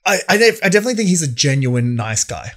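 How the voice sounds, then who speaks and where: A man in relaxed podcast chat who mostly agrees with his friend and often restarts his sentences. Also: a little high, fast talker. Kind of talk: casual chat.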